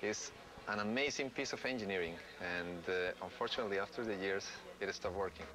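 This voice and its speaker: A man in his forties explaining a broken clock on camera, thoughtful and halting, in a large indoor ship atrium. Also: lowish voice. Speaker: clock restorer. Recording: documentary audio with loud music bed.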